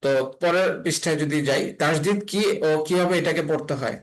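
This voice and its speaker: A man's voice: a little high, fairly quick, rough recording. A man teaching an online Quran reading class, patiently spelling out letters and repeating each sound.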